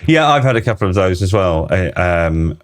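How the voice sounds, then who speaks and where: Podcast host, man, low voice, rambling and animated. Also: moderate pace. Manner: rambling, excitable, laughing. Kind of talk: casual podcast chat.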